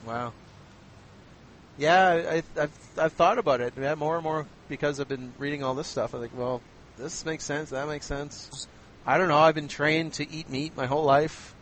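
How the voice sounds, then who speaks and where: A man with a somewhat high voice talks casually and laughs often. He acts out what other people said when he quotes them. A faint hiss runs behind him. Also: normal speed, fairly bright tone, rough recording. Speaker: conversation guest. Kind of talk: casual chat.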